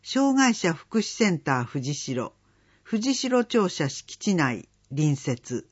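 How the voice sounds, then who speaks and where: Slow, husky reader of community listings. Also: mid-range voice, sing-song. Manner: slow, measured listing of dates and phone numbers. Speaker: announcement reader. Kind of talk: reading community event listings. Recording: dull lo-fi recording.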